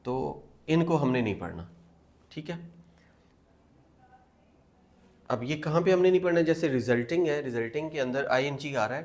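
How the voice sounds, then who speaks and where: A man teaching English pronunciation, explaining step by step, repeating words and asking rhetorical questions, and often clearing his throat. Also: mid-range voice, a little mellow. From Pakistan. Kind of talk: classroom lesson explaining pronunciation.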